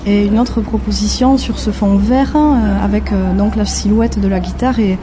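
A young woman from the French Basque Country, a graphic designer, answering interview questions in a casual, halting way, often searching for words. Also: medium pitch, steady tone, noisy background.

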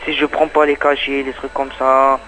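A man's voice: medium pitch, monotone, normal speed, sharp tone, low-quality recording. A man who learned French as a second language gives a rambling, repetitive, agitated personal testimony about being undocumented. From Palestine. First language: not French. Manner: rambling, repetitive, agitated, non-native phrasing. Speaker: undocumented migrant giving testimony.

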